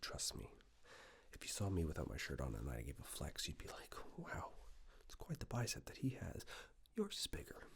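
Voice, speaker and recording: In an ASMR roleplay, a man plays an attentive tailor who is gently flattering and chatty. He speaks unhurriedly and reassuringly, a little hesitant, in a soft breathy whisper blended with a low creaky murmur.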